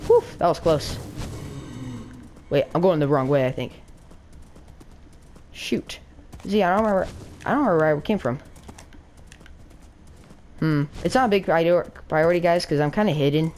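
A woman with a lowish voice chats casually while gaming. She talks through every step out loud and gets frantic and excitable when things go wrong. A faint hiss sits under her voice. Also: normal speed, pauses often. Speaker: gaming channel co-host. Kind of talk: casual let's play chat.

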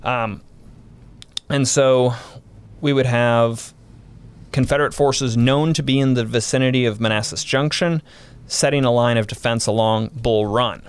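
A man's voice: medium pitch, steady tone, a little slow, clean tone. A man, a historian guest on a podcast, explaining military history in a casual but detailed way, running through units and dates.

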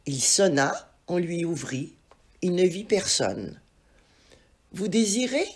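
A woman narrating a children's storybook aloud with expressive delivery. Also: on the low side, slow pace, slight background noise. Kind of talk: storybook reading.

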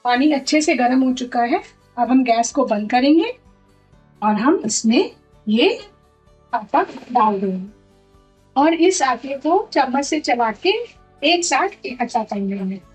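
Middle-aged woman, high-pitched, talks viewers through a kitchen recipe step by step, faint music under her. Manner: step-by-step explaining while cooking. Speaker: cooking instructor. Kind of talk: cooking demonstration. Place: home kitchen. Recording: light background music.

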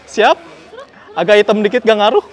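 Out at a noisy race circuit with engines roaring and a faint crowd, a young man hosts a motorcycle vlog into a handheld mic close to the camera. His voice sits high at normal speed, and he's excitable, slangy and exclaiming a lot.

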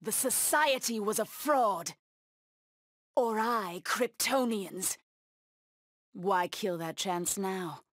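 A woman voicing a savage, proud cheetah-woman huntress in a video game, taunting her prey with deliberate menace. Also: mid-range voice, expressive, fairly bright tone, no room sound, clean studio sound.

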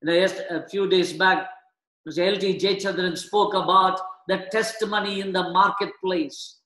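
Man, middle-aged, pastor, sermon, storytelling, rhetorical questions, high pitch. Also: fairly even intonation, normal speed, sharp tone. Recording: echoey webcast audio.

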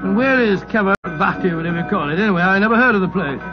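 A bumbling older doctor, high-pitched and fussy, dull radio sound. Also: male voice, animated, racing. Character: genial older male doctor, storyteller. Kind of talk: 1940s radio acting. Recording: dull old radio broadcast with music.

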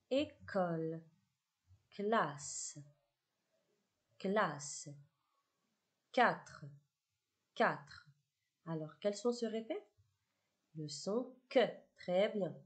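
Slow, lively primary school teacher woman. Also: mid-range voice. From Morocco. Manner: slow, repeats each word twice, clearly articulated; encouraging, praises often. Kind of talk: classroom phonics lesson.

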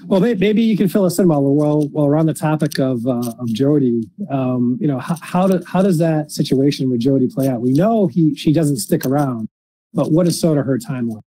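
A man hosting a casual discussion, speaking haltingly and often repeating words as he feels out each sentence. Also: a little high, animated, mellow, dry recording, rough recording. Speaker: podcast host. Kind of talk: casual discussion of a criminal case.

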